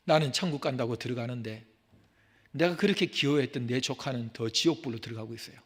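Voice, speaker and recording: A man preaching a sermon as senior pastor, swinging from loud urgent exhortation to hushed, near-whispered pleading. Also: mid-range voice, quick pace. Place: church sanctuary. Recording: long hall reverb from the sanctuary.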